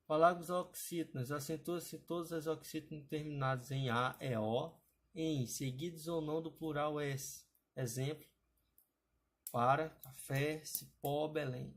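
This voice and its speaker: A man with a voice on the high side, steady and a little slow, teaches an exam-prep grammar lesson over slides. He explains patiently and often checks in with students by adding "tá, pessoal?"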